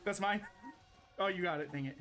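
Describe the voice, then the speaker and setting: A man streaming a game, chatting casually, excitable and swearing as he plays. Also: high-pitched, a little fast, faint music behind. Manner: excitable, swears, laughs often. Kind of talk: casual live gameplay chat.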